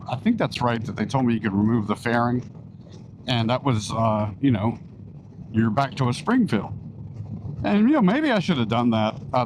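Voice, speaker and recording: A man chatting casually as a motorcycle vlogger while riding, his voice enclosed inside a helmet. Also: medium pitch. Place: outdoors, riding a motorcycle on country back roads. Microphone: microphone inside a helmet. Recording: wind and engine noise, helmet mic.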